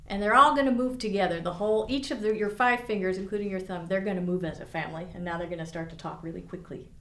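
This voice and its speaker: Woman viola teacher, mid-pitched, encouraging and descriptive, roomy studio sound. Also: quick pace, pushed and bright. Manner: encouraging, explains with imagery. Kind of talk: instructional lesson with demonstration. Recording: echoey room.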